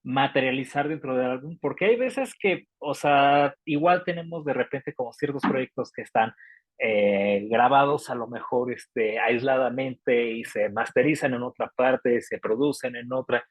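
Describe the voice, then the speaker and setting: A Mexican man talks through an album review in a loose, rambling way, with lots of fillers. His voice sits at a middling pitch. The sound is close and dry. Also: a little slow, no room sound. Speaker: music reviewer. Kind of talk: casual panel chat.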